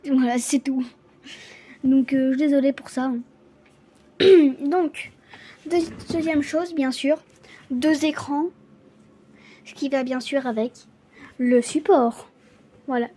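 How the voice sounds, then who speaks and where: Casual vlogger woman with a stutter, slow and apologetic, high, soft-toned voice. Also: slight background noise. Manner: stutters, restarts words often; halting, apologetic. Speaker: vlogger showing her gifts. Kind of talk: casual unboxing chat to camera.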